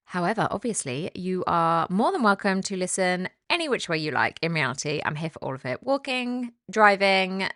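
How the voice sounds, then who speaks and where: A woman's voice: medium pitch, fairly bright tone, dry recording, studio quality. A British woman in her forties hosting a solo podcast on dog behaviour, talking in a chatty, playful and emphatic way.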